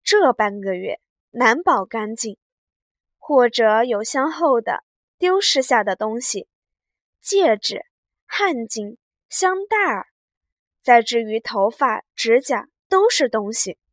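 A woman's voice: on the high side, very animated, unhurried, fairly bright tone, no echo, clean studio sound. A woman voicing a shrewd, suspicious young noblewoman in a read-aloud classic novel, speaking with cool sarcasm. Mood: sarcastic.

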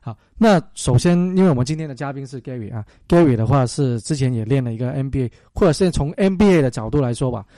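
A man hosting a finance talk show, asking questions in a slow, relaxed way with frequent fillers. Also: mid-range voice, dry recording, clean studio sound. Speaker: radio show host. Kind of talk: casual talk-show interviewing.

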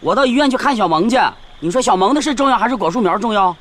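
A man's voice: high-pitched, expressive, a bit bright. An actor playing an impatient, nagging older village father with a Northeastern Mandarin accent, riding a bus. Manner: impatient, nagging, quick to complain. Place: inside a moving bus.

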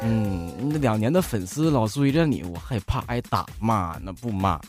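A man's voice: on the low side, lively intonation, moderate pace, music in the background. A man from Northeast China with a Northeastern accent, hosting a radio interview in a playful, teasing, casual way and often repeating his phrases. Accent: Northeastern Chinese. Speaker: online radio talk-show host.

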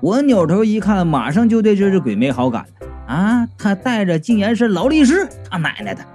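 A man narrating a comic audiobook story in an animated, exclamatory way. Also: sits high, fairly quick, faint music behind.

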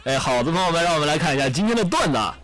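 Young guy hosting radio, laughs at his own jokes, very lively pitch, soft music under it. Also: racing. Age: young adult. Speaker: radio show host. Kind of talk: casual comedic storytelling.

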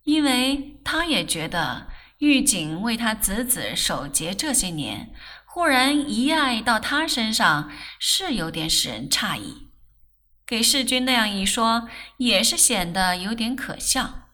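A woman reads a novel aloud in a measured, unhurried way, her voice bright and clear. Her pitch moves expressively from phrase to phrase, and she never rushes a sentence. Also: sing-song. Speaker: audiobook narrator. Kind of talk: novel reading.

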